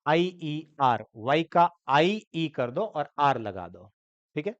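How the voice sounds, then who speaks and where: A man with a clear, smooth, fairly high voice teaches a grammar lesson, breaking words down slowly and checking in with his students. The sound is dry and close but a little dull. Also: lively intonation, no echo. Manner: explains step by step, spells words letter by letter, asks checking questions. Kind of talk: Hindi-language grammar lesson.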